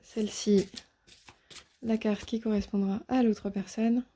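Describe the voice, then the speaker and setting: A woman talking through a tarot reading in a soft, hesitant way, often pausing on fillers and restarting her sentences. Her voice is deep-toned and mellow, with a narrow, even melody that rarely rises or falls. Now and then she drops to a near-whisper. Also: slight background noise. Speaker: tarot reader. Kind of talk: casual spoken tarot reading to viewers.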